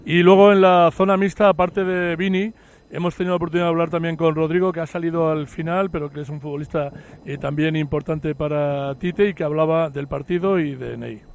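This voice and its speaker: A man reporting from the stadium as he leaves, relaxed and on the go. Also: a little high, brisk, creaky.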